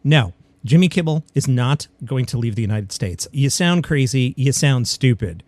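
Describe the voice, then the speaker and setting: A man's voice: mid-range voice, lively intonation, normal speed, darkish tone, no echo. A man hosting a comedy news podcast, reading stories and adding wry, opinionated asides. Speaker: podcast host. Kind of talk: comedy news commentary, partly scripted.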